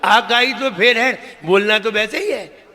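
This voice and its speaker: Speaking at a measured pace in a voice that sits high, this Jain monk drills his listeners in pronunciation, repeating words and teasing them in a sermon-like lesson. Background noise and long reverb fill the temple hall.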